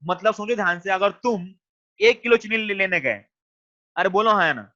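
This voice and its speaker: A man's voice: high voice, animated, normal speed, sharp tone. A man teaching a class online, mixing terms into his lecture and coaxing students to answer. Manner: coaxing, repeats questions to students. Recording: dull lo-fi sound.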